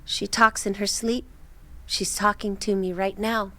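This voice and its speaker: A woman hosting a channel, reading a scary internet story aloud, going hushed and eerie when she reads out the quoted voices. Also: medium pitch, level tone, a little slow. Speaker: story reader and host.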